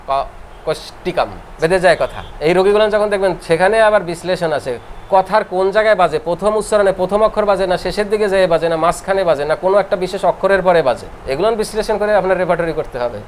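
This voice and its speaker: A middle-aged homeopathy lecturer from Bangladesh teaches a class, explaining points over and over and reciting verses slowly in a sing-song way. His voice sits high, with a little hiss or hum in the recording.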